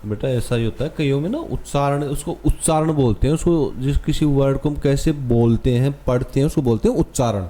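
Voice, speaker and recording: A man with an Indian accent and a warm, medium-pitched voice teaches English to young pupils, speaking fairly quickly with few pauses. He patiently repeats words and spells them out letter by letter.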